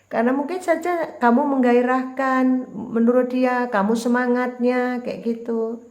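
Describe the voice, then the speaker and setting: A woman tarot reader talks straight to the viewer in a chatty, repetitive way. Her voice sits a little high, and the room around her adds a clear echo. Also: fairly even intonation, a little slow, darkish tone. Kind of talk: casual general tarot reading monologue. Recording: roomy echo.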